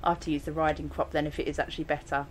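A young English gaming channel host speaks very fast in a low-sitting voice with little pitch movement. She provides casual let's play commentary while playing a video game, chatty and exclamatory and often dissolving into laughter.

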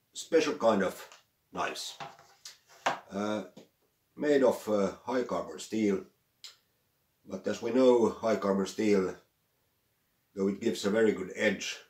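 An older man, a craftsman talking casually about his work in a workshop, pausing often with "uh". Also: low-pitched, darkish tone, roomy sound. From Finland. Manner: unhurried, with frequent "uh" pauses. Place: cluttered indoor workshop.

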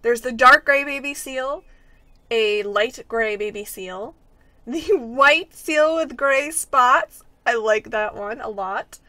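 A woman's voice: a little high, slow pace, pushed and bright, no room sound. A young adult woman giving casual, giggly, enthusiastic commentary as she plays a video game. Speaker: host of a video game play-through.

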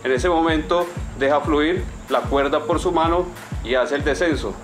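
A Colombian man instructing like a drill sergeant, step by step, with repeated commands and checks. He is recorded outdoors with clear music underneath. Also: a little high, moderate pace. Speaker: military air assault instructor. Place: outdoors on a training tower. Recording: music behind.

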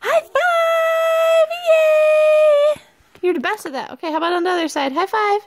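A woman's voice: very high-pitched, rapid-fire, a bit bright, dry recording. A woman talking baby talk to her infant, coaxing and squealing praise in a sing-song voice. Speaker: mother filming her baby.

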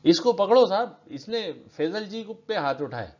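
A man's voice: medium pitch, unhurried, lightly acted. A man voicing an agitated male bystander who urgently tells the police what he saw. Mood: excited. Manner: excited, urgent. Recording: dull lo-fi recording.

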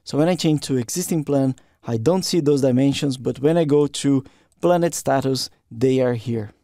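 A man gives a step-by-step software tutorial in a mellow, darker voice. He sounds close to the mic in a dry room with no echo. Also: mid-range voice, moderate pace. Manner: steady step-by-step explaining. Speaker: software instructor. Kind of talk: screen-recorded software tutorial.

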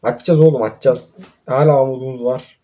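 A man's voice: mid-range voice, steady tone, fast talker, mellow. A young man, giving exasperated, ranting commentary over a mobile football match and swearing at his own team. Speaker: mobile football gamer and YouTuber. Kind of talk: gameplay commentary.

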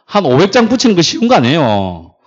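A man's voice: fairly high pitch, fast talker. A middle-aged man lecturing on factory brokerage, telling stories and acting out quoted lines. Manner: animated storytelling, acts out quoted dialogue. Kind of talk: classroom lecture with anecdotes. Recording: dull lo-fi lecture recording.

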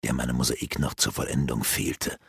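Man voicing a scheming dark sorcerer, low sneering voice, gravelly, dry studio sound. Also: fairly even intonation, no room sound, full character voice. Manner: mocking, low and slow. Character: sneering sinister male renegade sorcerer. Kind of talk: audiobook character voice.

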